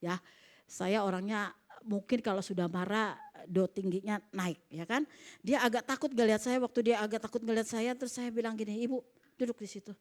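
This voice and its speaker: A woman pastor preaching a sermon at a church service, animated and emphatic, calling the congregation to say amen and acting out conversations. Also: medium pitch, brisk. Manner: animated preaching, calls for amens, acts out dialogue.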